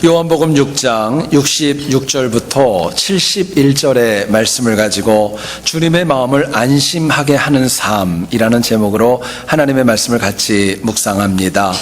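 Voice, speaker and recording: A man's voice: medium pitch, normal speed, hardly any pauses, in a large hall, a little hiss or hum. A man preaching a sermon as a pastor, explaining word meanings in a teacherly way. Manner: explanatory, teacherly, lively intonation.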